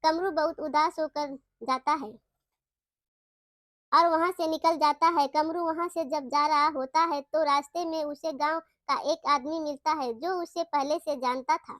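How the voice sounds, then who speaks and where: A woman narrating a moral folk story in a plain, steady reading. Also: sits high, measured pace, no room sound, clean studio sound.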